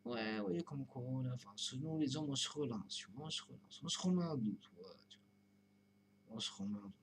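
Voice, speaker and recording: Man, mid-pitched, musing solo vlogger, loose rambling delivery that keeps slipping into whispers. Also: lively intonation, moderate pace, vocal fry, slight background noise. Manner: drifting, repeats "tu vois", often drops to a whisper. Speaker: video blogger. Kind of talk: rambling spiritual monologue.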